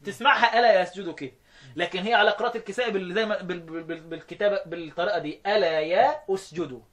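A man with an Egyptian Arabic accent teaching Quran recitation rules, often questioning his students and chanting verses slowly. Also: sits high, a bit bright. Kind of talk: explaining recitation rules in a lesson.

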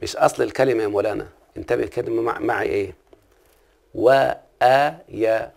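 A man with an Egyptian accent delivers a classical Arabic grammar lesson in rapid-fire fashion, frequently asking his listener questions to check in. His voice is lowish and gravelly, held at a steady tone.

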